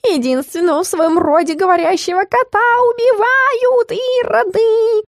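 A cheeky talking tomcat from a fantasy audiobook, as a woman puts him on, squealing high and drawn out with theatrical wailing. His pitch jumps far above her narrating voice. The sound is close and dry. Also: fairly even intonation, normal speed, dry recording. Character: cheeky talking male cat, dramatic.

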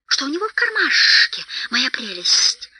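A woman's voice: high-pitched, sing-song, unhurried, sharp tone, no room sound, full character voice, low-quality recording. A woman voicing a male cave creature in an audiobook, hissing and wheedling, calling things "my precious". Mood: suspicious.

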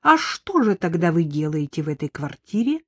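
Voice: medium pitch, big pitch swings, normal speed, slightly rough, no echo, studio quality. The audiobook reader voicing a stocky male militiaman who speaks in a stern, officious tone.

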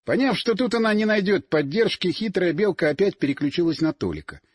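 A man narrating an audiobook in a lively, expressive way. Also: sits high, a little fast, husky, dry recording, clean studio sound. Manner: lively, animated reading.

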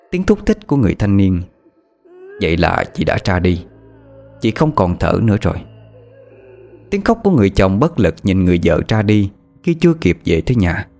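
Male storyteller, scripted narration, low-pitched and very lively in melody. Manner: expressive, rising and falling delivery.

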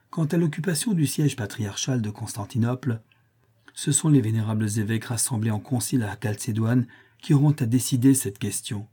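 A man's voice: medium pitch, warm tone, husky, natural voice. A man voicing a proud Byzantine empress, imperious and reproachful, in a cool, lecturing tone.

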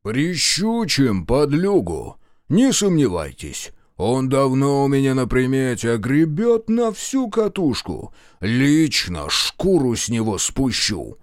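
A man voicing a cunning detective in a read-aloud story. He questions slowly and slyly, his voice a little below the reader's own. The sound is dry and close. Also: mid-range voice, huge pitch swings, no room sound, pitched above the performer's own voice. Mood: menacing. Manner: probing, slow, sly. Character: cunning, intimidating male detective.

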